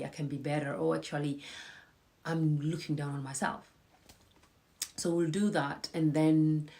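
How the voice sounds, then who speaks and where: Her low, warm voice carries through a casual live stream where she chats and encourages viewers. The host is dealing with a cold, which comes through slightly.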